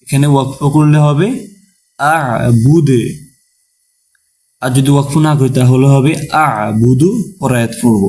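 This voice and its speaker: A man teaching Quran recitation step by step. He spells out each syllable, explains the rule behind it, then chants the verse with long drawn-out vowels. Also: mid-range voice, fairly even intonation, warm tone. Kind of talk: slow step-by-step recitation lesson.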